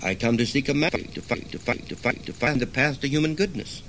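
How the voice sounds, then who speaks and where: A man's voice: medium pitch, fairly quick, fairly bright tone, slight background noise, voice pushed up, close to an everyday voice, poor audio. Earnest young seeker of wisdom, read by an older man, sincere and questioning, storybook reading.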